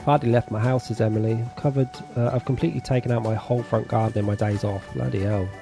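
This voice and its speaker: Talking fast in a medium-pitched voice with vocal fry, a man streams a farming game over music. His manner is laid-back and chatty, and he reads viewer messages aloud while casually talking with them.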